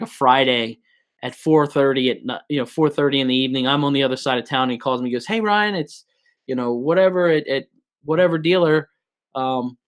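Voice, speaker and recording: A man hosting a casual live show, swapping work stories with a guest. He talks at an easy pace and circles back on his words as he goes. His voice sits in a middling range. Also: mid-range voice. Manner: storytelling, relaxed, lots of restarts. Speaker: host.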